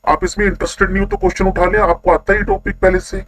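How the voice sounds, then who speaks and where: A man teaching a chemistry class online, constantly quizzing his students with quick questions. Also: high-pitched, flat delivery, fairly bright tone, a little hiss or hum, rough recording.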